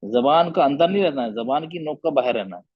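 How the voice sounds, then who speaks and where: A man teaching recitation who slowly repeats each letter sound and keeps asking his students whether it is clear. His voice is fairly high and a bit husky. The audio is dull and dry, like an online class. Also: animated, dry recording.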